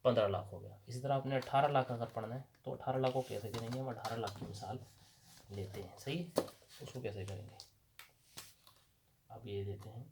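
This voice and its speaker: A man with a Pakistani Urdu accent teaches a recorded lesson, walking through his examples step by step. He keeps asking the class a question and then answers it himself, repeating each point. His voice sits at an ordinary middle pitch. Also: noisy background. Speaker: language teacher. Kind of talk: explaining a lesson at a board.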